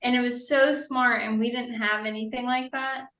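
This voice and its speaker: A woman's voice: a little high, fairly even intonation, normal speed, a bit bright. A woman in a casual, conversational chat. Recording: roomy echo, distant from mic.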